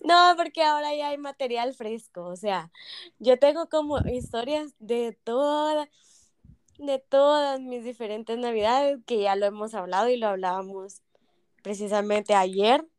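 A woman's voice: a little high, unhurried, clean tone, no room sound, clean studio sound. A woman, casually telling family stories on a podcast and acting out the people she quotes. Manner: animated, acts out quoted voices. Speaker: podcast co-host. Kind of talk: casual storytelling chat.

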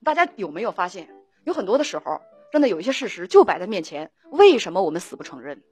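Lively woman, husky. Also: mid-range voice, fast, soft background music. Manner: animated, acts out both sides of conversations; frequent laughter and repeated words. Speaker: host of an emotional talk show. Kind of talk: storytelling talk-show monologue.

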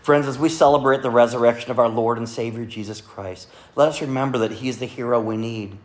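A man preaching a Sunday sermon to a congregation, earnestly quoting scripture and often dropping to a soft, quiet delivery. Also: medium pitch, steady tone, fast talker. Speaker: pastor. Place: church service with congregation.

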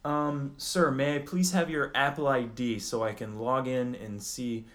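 A man's voice: mid-range voice, steady tone, unhurried, fairly bright tone, natural voice. A man playing a formal, hesitant tech support agent in a comedy skit. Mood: polite. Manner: stiff formal politeness, hesitant. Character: overly polite male tech support agent.

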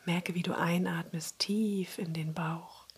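A woman guiding a relaxation meditation in a soft, soothing spa-like whisper, breathy and husky. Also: lowish voice, steady tone, slow pace. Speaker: relaxation exercise guide.

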